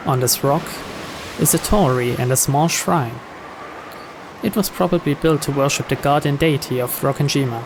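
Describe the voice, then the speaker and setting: A medium-pitched man at a moderate pace gives a visual novel dramatic first-person narration. He plays the game and reads its story aloud in a clear recording with background noise.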